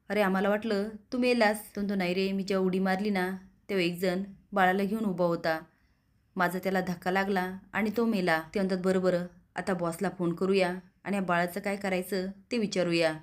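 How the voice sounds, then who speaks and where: A woman recapping a TV serial episode, quoting the characters' lines as she narrates. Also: medium pitch. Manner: retells scenes, quoting each character's lines in turn. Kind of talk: storytelling recap with acted dialogue.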